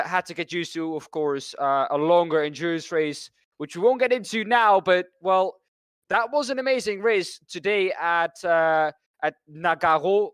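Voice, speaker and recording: A Dutch man commentates on a sim racing broadcast in a high, somewhat bright, clean voice, recorded dry. He rambles, stumbles over names, and corrects himself.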